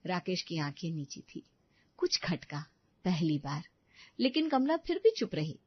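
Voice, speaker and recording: A woman narrating a family moral story in an even, measured way. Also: fairly low pitch, husky, no echo, highs cut off.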